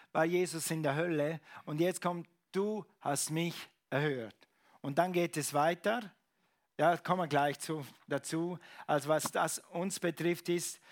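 A middle-aged man preaching a sermon as pastor, emphatic, repeating phrases and swinging from loud to hushed. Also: on the high side.

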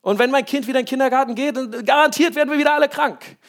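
A man's voice: very high voice, rapid-fire, fairly bright tone, voice pushed up. A man doing a fretful, whiny parent. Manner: agitated, complaining. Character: fretful parent complaining that everyone is sick.

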